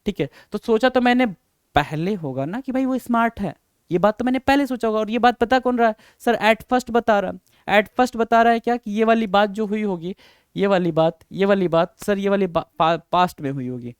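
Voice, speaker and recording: Guy teaching grammar, kinda high voice, clear and dry, repeats stuff a lot. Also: moderate pace, no echo. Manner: mixes Hindi and English, calls students "beta" and "sir", repeats himself. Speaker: English teacher. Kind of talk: Hindi-English grammar lesson.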